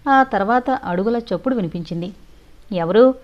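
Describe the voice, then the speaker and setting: A woman narrating a suspense thriller audio novel in steady scripted storytelling. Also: mid-range voice, moderate pace. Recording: dull lo-fi recording.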